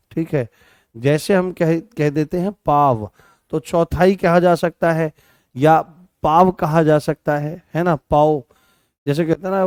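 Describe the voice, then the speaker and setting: The voice is a little high and slightly mellow, captured at studio quality without echo. It belongs to a man from Rajasthan leading an online Hindi grammar class for exam preparation, where he repeats phrases, corrects himself, and raises questions only to answer them.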